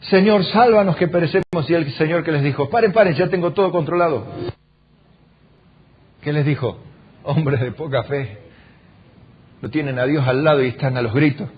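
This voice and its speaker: A man's voice: a little high, normal speed, long pauses, lo-fi sound, a little hiss or hum. A man with an Argentine Spanish accent preaching a sermon as pastor, asking the congregation questions and acting out the voices in the stories he tells. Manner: animated preaching, acting out quoted lines, rhetorical questions. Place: church hall.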